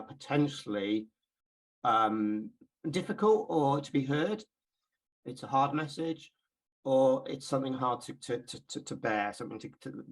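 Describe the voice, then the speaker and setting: A man's voice: medium pitch, poor audio. A man from England giving an informal Bible class talk, chatty and hesitant, with many ums and repeated words.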